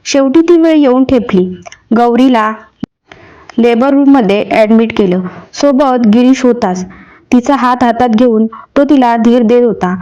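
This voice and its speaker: A woman's voice: on the high side, dark tone, highs cut off. Woman narrating an emotive story. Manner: emotive, measured reading.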